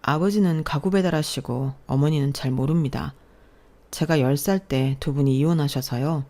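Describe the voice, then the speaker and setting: Woman doing a gentle polite young man. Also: deep voice, moderate pace. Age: 30s. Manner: polite, soft-spoken.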